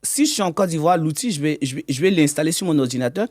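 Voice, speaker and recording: A man's voice: on the high side, animated, fast talker, darkish tone. A man, a guest in an interview, explaining his work as an economic intelligence consultant. He often stumbles and repeats words mid-sentence.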